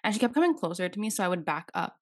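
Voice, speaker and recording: A woman's voice: mid-range voice, sing-song, rapid-fire, no echo, clean studio sound. A young woman co-hosting a podcast, telling a rambling story in casual chat, full of "like" fillers and freely swearing. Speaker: podcast co-host.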